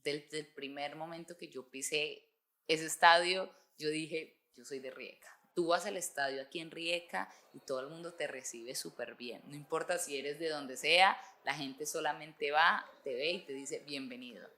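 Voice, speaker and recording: A woman's voice: sits low, normal speed, sharp tone. A woman in her twenties with a Colombian accent, talking expressively in a documentary interview. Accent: Colombian Spanish. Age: 20s. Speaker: football fan and dance teacher.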